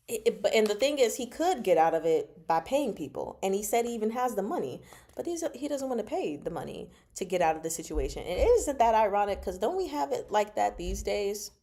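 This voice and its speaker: Hosting a livestream about books, this woman has a fairly high pitch and a darkish tone. Her commentary is casual and chatty alongside live chat, full of slang, emphasis and teasing, with expressive reactions along the way.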